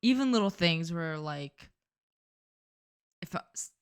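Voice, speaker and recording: Young woman, casual podcast co-host, chatty and self-deprecating, a bit low for a woman. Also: lively intonation, takes it slowly, smooth. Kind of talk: casual chat.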